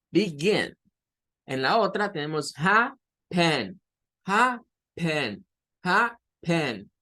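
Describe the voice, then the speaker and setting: A man teaching English grammar in a patient, explanatory lecture, repeating example words slowly. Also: a little high, a bit bright.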